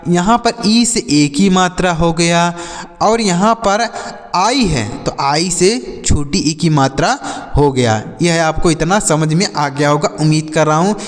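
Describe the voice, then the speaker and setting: A man's voice: on the high side, unhurried, in a large hall, faint music behind. A man teaching English phonics in a patient, repetitive way, asking questions and answering them himself. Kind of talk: Hindi-language phonics lesson.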